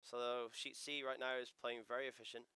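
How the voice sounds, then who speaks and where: A man's voice: mid-range voice, level tone, moderate pace, sharp tone, smooth, dry recording. A man giving casual curling analysis as a co-commentator, explaining the play conversationally.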